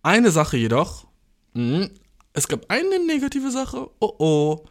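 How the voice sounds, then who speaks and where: Animated, swearing young man telling a story. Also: high-pitched, takes it slowly. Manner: animated, swears a lot, mixes in English slang. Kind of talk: casual comedic storytelling.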